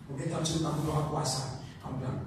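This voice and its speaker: A man preaching a lively sermon, blunt and animated, calling on the congregation to answer amen. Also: fairly high pitch, fast. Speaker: evangelist preacher. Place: church hall in Jakarta. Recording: echoey hall, distant mic, faint noise.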